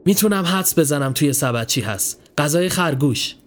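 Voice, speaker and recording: A man's voice: sits high, animated, a little hiss or hum, pitched above the performer's own voice. A man voicing a stubborn nine-year-old boy standing guard, answering tersely and defensively.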